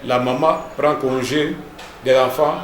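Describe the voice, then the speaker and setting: Pastor teaching in an echoey room. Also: male voice, medium pitch, fairly even intonation, a little slow, slight background noise. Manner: didactic, repeats words and tags lines with "hein" and "n'est-ce pas".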